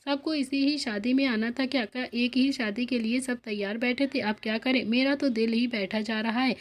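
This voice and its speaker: A worried young man, gentle with his sister but fretful about trouble, as a woman reads his part. The voice is a little high and soft-spoken. It is a storybook reading. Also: fairly even intonation, moderate pace, close to an everyday voice. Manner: fretful, soothing.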